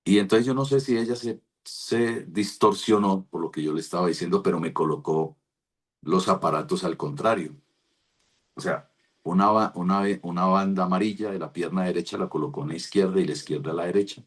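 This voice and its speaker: A man's voice: low voice, a little fast, breathy edge. A man, a pastor, telling a rambling devotional testimony over a video call. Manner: rambling storytelling with restarts.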